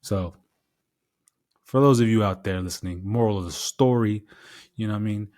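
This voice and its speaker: A man's voice: fairly low pitch, normal speed, darkish tone. A married man hosting his podcast, telling a story in a casual, rambling way with repeated phrases and casual swearing. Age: adult, married with daughters. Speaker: podcast host.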